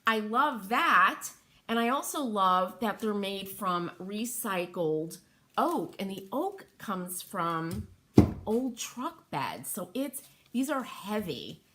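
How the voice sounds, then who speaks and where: This is a middle-aged woman with a medium-pitched, sharp-toned voice, hosting a craft livestream in her home workroom next to an open window. She chats casually while stenciling, welcoming viewers by name and thinking aloud as she works.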